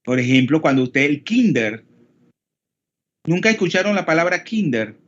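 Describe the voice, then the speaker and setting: Panamanian male teacher, higher voice, explanatory, keeps checking in with the class; muffled lo-fi online-class audio. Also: big pitch swings, moderate pace. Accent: Panamanian Spanish. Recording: dull lo-fi call audio.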